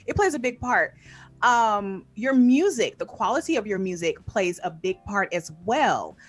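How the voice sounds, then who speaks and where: A woman's voice: mid-range voice, expressive, measured pace. A woman speaking as a podcast guest in casual interview chat, upbeat and emphatic, often repeating her key points. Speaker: podcast guest, music performer.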